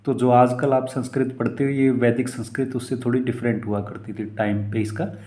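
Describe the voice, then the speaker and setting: A middle-aged male teacher who reads textbook lines slowly, then explains them in mixed Hindi and English, often calling his students "beta". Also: mid-range voice, flat delivery, warm tone. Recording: echoey room.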